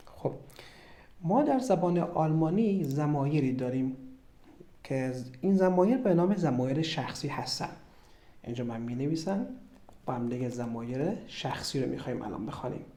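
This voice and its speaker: A man's voice: a little high, mellow. A man teaching a beginner German lesson, explaining patiently step by step and repeating each sound. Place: at a board, writing.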